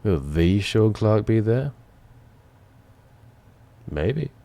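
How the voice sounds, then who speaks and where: A man's voice: on the low side, very animated, very slow, vocal fry, mellow. A tired man, chatting casually and reading out viewer questions while gaming, in a laid-back, rambling, self-deprecating way. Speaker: streamer.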